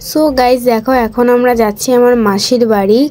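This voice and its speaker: A woman's voice: on the high side, steady tone, fairly quick, warm tone, faint music behind. A woman narrating a casual vlog, explaining each step as she goes. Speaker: vlogger.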